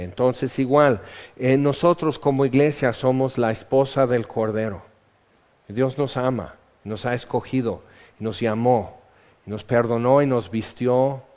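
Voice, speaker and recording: Reading psalm verses aloud, a man delivers Bible teaching as a sermon in a conversational manner. His voice is medium-pitched, darkish and clean, captured in a dull hall with reverb.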